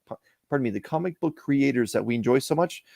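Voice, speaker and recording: Canadian man, rambling chat guest, middle pitch, dry close sound. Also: expressive, quick pace, gravelly, warm tone, no echo. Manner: rambling, repeats and restarts words. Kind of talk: casual live-stream chat.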